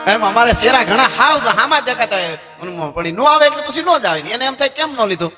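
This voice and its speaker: With a very high-pitched, pushed and bright voice, a man tells stories at a religious gathering, expressive and fairly quick. He's a folk storyteller giving a live stage talk at a dayro, chatty and earnest with asides, amid hall echo and faint music.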